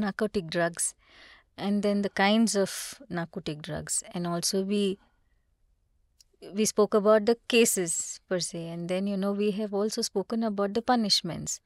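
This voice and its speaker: Female host, South Indian accent, average pitch, conversational interview delivery with long recapping questions, close dry sound. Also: no echo. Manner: wordy recaps with frequent "you know".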